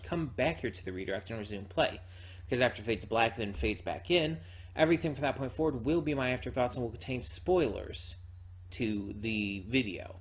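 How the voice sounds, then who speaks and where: A man who runs a reaction channel offers casual spoken review commentary, halting and repeating words as he thinks out loud. His pitch is medium, and there's slight background noise.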